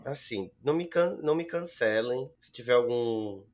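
A man's voice: medium pitch, expressive, normal speed, a little mellow. Slangy, swearing man co-hosting a podcast. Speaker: podcast co-host. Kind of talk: casual chat.

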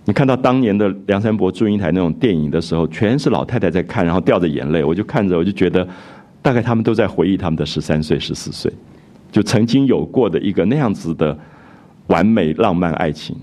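A man giving a reflective, expressive lecture on a classic novel, retelling scenes and explaining them. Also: sits low, fast talker. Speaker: literature lecturer.

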